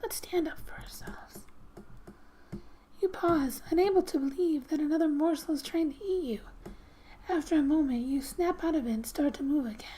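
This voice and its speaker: A high-voiced woman who is an ASMR gamer and host reads a game's story aloud. She keeps it soft, breathy and often close to a whisper, gentle and slow, with casual asides along the way.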